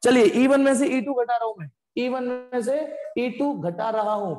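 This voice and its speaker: With a very high, darkish-toned voice and a moderate pace, a man teaches physics in an online class. He explains in careful steps and stops to scold the students bluntly. It was recorded in an echoey room, so the reverb is long.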